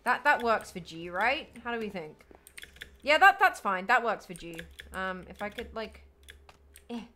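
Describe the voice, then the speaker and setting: A woman's voice: medium pitch, very animated, measured pace, sharp tone, soft background music. A woman streaming a block-building game, chatting casually and thinking aloud, now and then bursting into delighted squeals. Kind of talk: casual live-stream chat while building.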